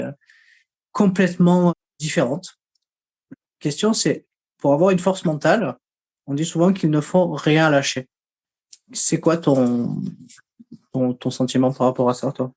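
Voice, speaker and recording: A man's voice: a little high, a little mellow. A man hosting a podcast interview, speaking casually with many hesitations and fillers. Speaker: podcast host.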